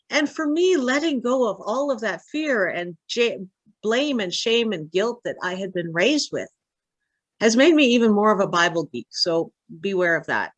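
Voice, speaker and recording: A woman minister giving a conversational sermon, animatedly acting out quoted voices. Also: on the high side. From Canada. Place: church or online service.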